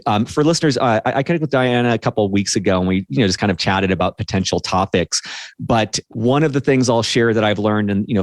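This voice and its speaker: Man, veteran podcast host, lowish voice, reflective, searching for words, dry recording. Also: no room sound. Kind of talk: interview conversation.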